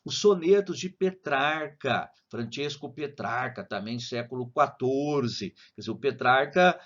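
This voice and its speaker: A man's voice: medium pitch, measured pace, a bit bright, muffled recording. A man with a Brazilian accent teaching a casual video lesson on literature, explaining in a chatty way with frequent tag questions. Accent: Brazilian Portuguese.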